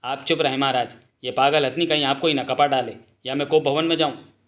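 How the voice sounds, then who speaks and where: A man's voice: medium pitch, fairly even intonation, brisk, fairly bright tone, close to an everyday voice. A man voicing a fretful, melodramatic queen in a comic dub. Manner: dramatic, pleading.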